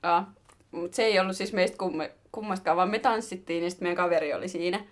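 A young woman co-hosting a podcast, chatting casually and telling stories with laughter and slangy swearing. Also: fairly low pitch. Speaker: podcast co-host. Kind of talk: casual chat.

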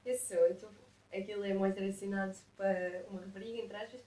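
A woman's voice: mid-range voice, steady tone, quick pace, dark tone. A young woman hosting a casual interview, asking questions in informal slang. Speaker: interviewer, host. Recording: roomy echo, distant from the mic.

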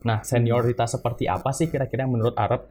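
A young man interviewing a student leader, asking casual questions calmly with many brief acknowledgments. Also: mid-range voice, fast talker.

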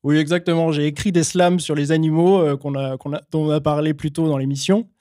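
Host doing a morphing voice: laid-back male crow slammer, warm and dry. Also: steady tone, brisk, dry recording, lightly acted. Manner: switches between host voice and a lower crow persona. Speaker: podcast host. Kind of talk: playful podcast banter.

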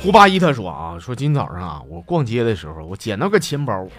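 Fast, lively northeastern radio joke host. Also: male voice, on the low side, faint music behind. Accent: Northeastern Mandarin. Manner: lively, teasing punchlines. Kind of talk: comic storytelling.

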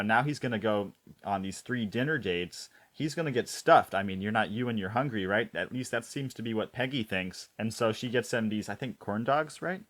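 A man with a fairly low voice co-hosting a podcast, discussing a TV episode in easy conversation. He talks in a thoughtful, measured way and pauses on ums as he gathers his thoughts. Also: fairly bright tone. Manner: thoughtful, measured, uses fillers like um. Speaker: podcast co-host. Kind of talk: casual chat about a TV episode.

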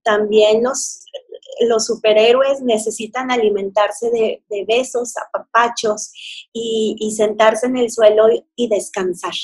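A middle-aged woman with a Mexican Spanish accent, a divorced mother speaking earnestly and warmly about her emotions, with fillers and restarts. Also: on the high side, steady tone, slow, breathy edge. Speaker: divorced mother sharing advice. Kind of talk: motivational talk.

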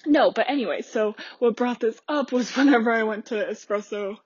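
A young woman with a slightly high voice hosts a solo podcast and tells a story in a loose, chatty way, full of "like" and restarts. The recording is dry and a bit dull and lo-fi. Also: normal speed, darkish tone, slightly rough, dry recording. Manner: chatty and rambling, many fillers and restarts. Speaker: podcast host.

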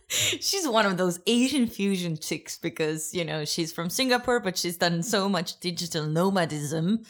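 A woman co-hosting a podcast in casual chat, chatty and quick to laugh. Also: on the low side, expressive. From Estonia. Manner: giggly and chatty, laughs often. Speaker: podcast co-host.

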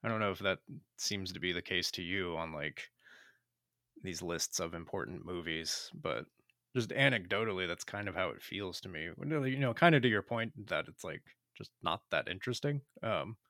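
A man with a Pennsylvania accent co-hosts a casual podcast and asks long, rambling questions packed with fillers. His voice sits fairly low, and the recording is dry and close. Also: lively intonation, moderate pace, sharp tone, no echo. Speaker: podcast co-host. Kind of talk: casual film discussion.

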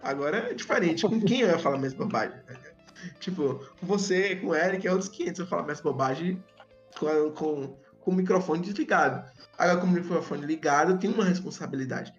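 A man's voice: on the high side, a little fast. A man hosting a casual podcast with a tongue-tied, slushy lisp, stumbling over and repeating words in a self-deprecating way. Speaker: podcast host. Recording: dull lo-fi audio, background music.

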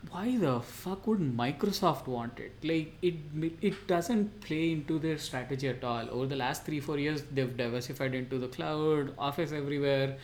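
A man with a mid-range voice co-hosts a casual tech podcast. He is blunt and exasperated, and he swears freely as he rants. Faint background noise sits under his voice. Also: mid-range voice. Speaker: podcast co-host.

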